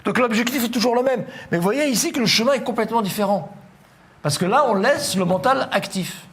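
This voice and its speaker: A man's voice: extremely high pitch, fairly quick, a bit bright. A middle-aged man lecturing on philosophy to an audience, explaining step by step with frequent hesitations and asides.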